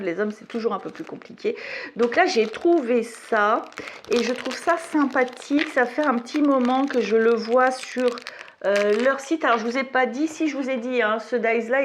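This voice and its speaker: A woman's voice: on the high side, a little hiss or hum. A woman vlogger chatting casually while showing craft stamps at her home table, rambling with self-mocking asides. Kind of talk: casual product haul and demo.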